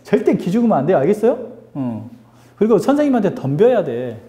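A male English teacher giving a lively classroom grammar lesson, drilling students with call-and-response questions and teasing them. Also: sits high, quick pace, roomy sound.

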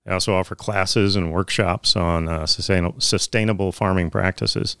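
A man's voice: deep voice, fairly even intonation, normal speed, sharp tone, clear, resonant tone, no echo. A man in his thirties reading agricultural news items in a small podcast studio, with occasional fillers and restarts. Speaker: podcast co-host. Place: small studio office with bookshelves. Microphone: studio mic on boom arm, headphones.

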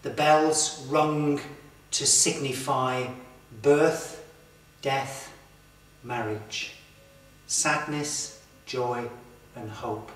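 A man in his thirties presenting to camera in a slow, earnest, reflective way, inside a stone church. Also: medium pitch, fairly even intonation, a bit bright. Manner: slow, earnest, with emphatic pauses. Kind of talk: reflective documentary talk to camera. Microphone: far camera mic. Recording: echoey church from far off.

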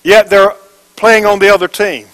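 Pastor, male, high-pitched, preaching call-and-response style, repetitive and emphatic, questions the congregation. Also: slow, fairly bright tone, poor audio. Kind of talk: sermon. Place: church before a congregation.

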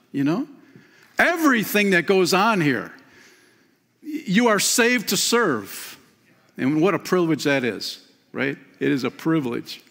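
A man in his fifties preaching a sermon from a lectern in a church, lively and emphatic, often calling listeners "man" and "friend". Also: fairly high pitch. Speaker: pastor. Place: church stage behind a clear lectern. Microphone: lectern mic. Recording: long church hall reverb.

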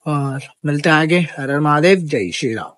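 Narrating as he walks his pilgrimage, a young man keeps his vlog casual, upbeat, and full of jokes and religious greetings. His voice is on the high side, expressive, and fairly bright at normal speed, recorded with no echo.

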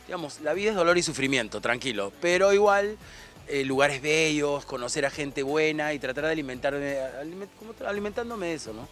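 Argentine-born guy, 50s, kinda high voice, chatty and reflective, handheld mic outdoors. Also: expressive, brisk, faint music behind. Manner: reflective, warm-hearted, rambling with restarts. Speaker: guest. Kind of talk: relaxed outdoor interview chat. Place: outdoor tennis court. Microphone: handheld microphone.

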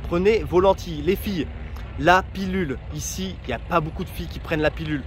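A man's voice: fairly high pitch, fast talker, slight background noise. A man from France giving travel tips in a casual vlog, chatty and joking, speaking straight to viewers outdoors. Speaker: travel vlogger.

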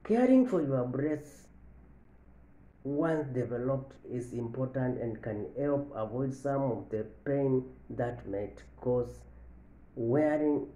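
A man in his thirties giving a health lesson to camera from an office, slowly repeating each point and stressing the key lines. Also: mid-range voice, warm tone. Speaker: medical educator. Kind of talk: health education talk to camera. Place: office with large window, indoors. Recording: echoey room.

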